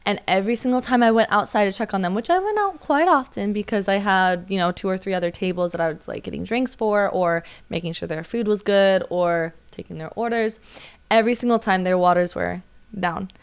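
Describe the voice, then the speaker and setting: A woman's voice: medium pitch, fairly quick, hardly any pauses, clean tone. A young adult woman, a waitress, chatting as a podcast guest and telling stories with lots of fillers. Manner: chatty storyteller with many fillers and likes. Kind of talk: casual podcast chat, storytelling.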